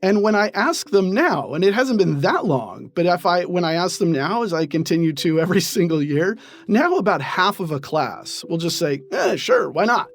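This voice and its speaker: A man, a professor, explaining ideas in an interview with lively, laughing asides. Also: high-pitched, normal speed, hardly any pauses. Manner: animated, laughs while explaining. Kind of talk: interview answers.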